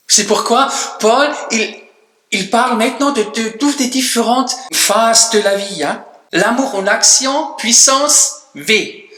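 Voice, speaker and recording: A man preaching a sermon as pastor, emphatic, his voice dropping low and soft at the ends of phrases. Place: church hall. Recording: echoey church room.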